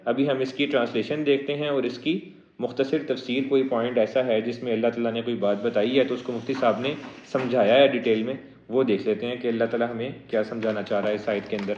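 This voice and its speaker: A man teaching a Quran recitation lesson, moving between slow melodic chanting of verses and brisk spoken explanation of pronunciation rules. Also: medium pitch, steady tone, darkish tone, slight background noise. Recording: echoey, dull lo-fi audio.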